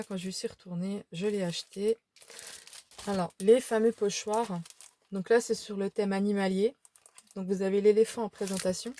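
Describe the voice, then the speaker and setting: Tired woman vlogger, warm mellow tone, chatty with fillers, faint background noise. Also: medium pitch. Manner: chatty, many fillers and restarts, laughs at herself. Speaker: craft vlogger showing a shopping haul. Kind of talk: casual haul vlog. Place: home room by a window.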